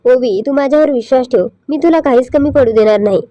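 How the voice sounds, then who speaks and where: A woman reading a gentle, apologetic young husband. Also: high voice, fast talker, no echo, lo-fi sound, close to an everyday voice. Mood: earnest. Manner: pleading, earnest.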